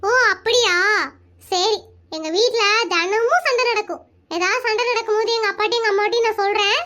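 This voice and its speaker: Sanjay, voiced as a squeaky curious little boy. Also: fairly quick, bright, forceful tone. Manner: curious, questioning. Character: curious young boy, naive. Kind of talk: animated comedy cartoon voicing.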